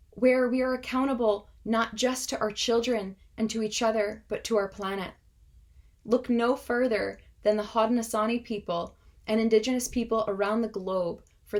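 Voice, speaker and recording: With a medium-pitched voice, a woman in her twenties who speaks Russian natively reads a prepared speech. She is earnest and passionate yet careful and measured.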